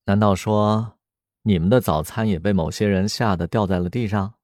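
A man's voice: lowish voice, normal speed, a little mellow, no echo, clean studio sound, close to an everyday voice. A man voicing a cheerful, teasing young woman in a storybook reading.

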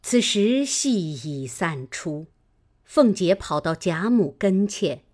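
A woman reading a classic novel aloud as an audiobook narrator, with expressive, dramatic storytelling. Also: fairly low pitch, slow pace.

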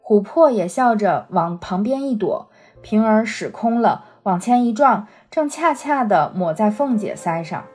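Husky woman reading a classic novel. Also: medium pitch, expressive, unhurried, a little mellow, faint music behind. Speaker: reader.

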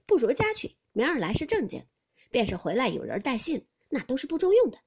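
Woman reading young maid, cool n quick, talks crisp, voice a bit high. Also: wildly swooping pitch, darkish tone, full character voice. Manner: crisp, matter-of-fact.

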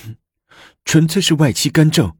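A man voicing a defiant, sharp-tongued young imperial consort who protests shrilly. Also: very animated, moderate pace, husky, dry recording, clean studio sound. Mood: indignant. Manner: shrill, indignant.

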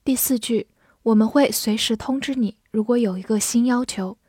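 A woman's voice: fairly high pitch, normal speed, mellow, husky, dry recording, studio quality. A woman teaching English vocabulary, saying each word twice and then giving its meanings, in scripted lesson narration.

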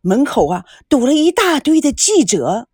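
A woman's voice: sits high, very animated, moderate pace, darkish tone, no echo, studio quality, pitched above the performer's own voice. An older manservant blurts bad news, panting and anxious, his voice rising with worry, as a woman narrator puts him on. A loyal, fretful figure in a storybook. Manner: breathless and anxious. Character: flustered older male household servant.

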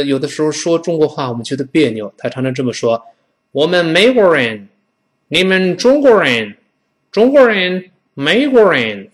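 With a mid-range voice, a middle-aged man from China leads a spoken English lesson, slowly and repeatedly modeling pronunciation.

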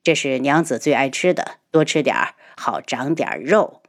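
A woman voicing a calm, cool-tempered noble prince in an audio novel, speaking low, cold and steady. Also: normal speed, exaggerated voice. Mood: teasing.

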